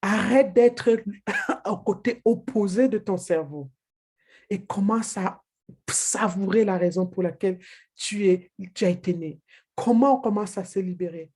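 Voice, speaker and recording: A woman's voice: mid-range voice, measured pace, a little mellow, breathy edge. A woman giving a motivational training talk, emphatic and direct, repeating her key phrases to the listener. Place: living in England.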